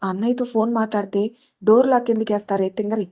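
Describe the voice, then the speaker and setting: A woman's voice: on the high side, steady tone, fast, mellow, lightly acted. A woman voicing an older aunt who speaks in a motherly but doubtful way. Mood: suspicious.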